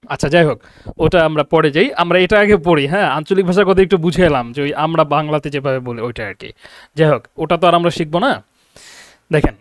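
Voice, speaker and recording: A young man teaching an online Arabic class, explaining slowly and often checking that students understand. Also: on the high side, dry recording, clean studio sound. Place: lives and teaches from abroad.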